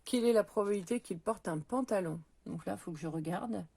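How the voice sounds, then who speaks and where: A woman's voice: mid-range voice, a little fast, vocal fry, mellow, dry recording. Woman, math teacher, recorded lesson, patient step-by-step explaining, dry sound. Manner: patient, talks while counting and pointing things out, frequent "euh" and "donc". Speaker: middle school math teacher. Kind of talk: recorded lesson, correcting exercises aloud.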